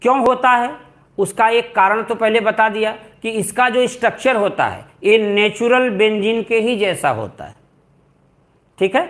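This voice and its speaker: A man with a high voice teaches a chemistry lesson, going over each point again and again. He calls his students "beta", mixes English terms into his talk and keeps stressing which parts matter most. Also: animated, a little slow, a bit bright. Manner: repeats key terms, addresses students as beta. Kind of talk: classroom lecture.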